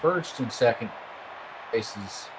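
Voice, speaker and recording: A man's voice: mid-range voice, animated, slow, background noise. Man calling baseball, scratching in background. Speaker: play-by-play commentator. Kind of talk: casual baseball game commentary. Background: scratching and scraping noises.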